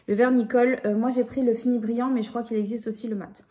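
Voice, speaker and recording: Woman vlogger, 30s, mellow warm voice, chatty with lots of fillers and restarts, casual home recording. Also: a little high, little pitch movement, fast. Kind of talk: casual craft vlog.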